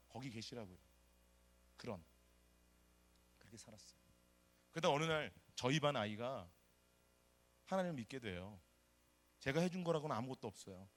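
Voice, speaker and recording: A middle-aged man from South Korea, a pastor preaching a sermon and telling his own story, animated and acting out the people he quotes. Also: medium pitch. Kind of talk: sermon with personal testimony.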